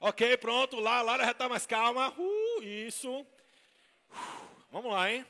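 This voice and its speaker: A man's voice: very high-pitched, animated, takes it slowly, sharp tone. A man with a Bahian accent performing as a clown magician in a live stage comedy act, teasing the crowd with playful banter. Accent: Bahian Portuguese. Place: shopping mall event stage. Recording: long echoey hall reverb.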